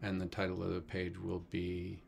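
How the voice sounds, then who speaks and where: Gravelly low-voiced man teaching code. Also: completely flat delivery, moderate pace, a little mellow. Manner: casual, wry, with many fillers. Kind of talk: screen-recorded coding tutorial.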